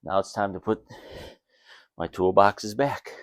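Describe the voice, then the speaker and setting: A man's voice: on the low side, a little slow, slight background noise. A man giving a casual, plainspoken demonstration in a home garage workshop, talking informally while he works. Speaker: DIY video host.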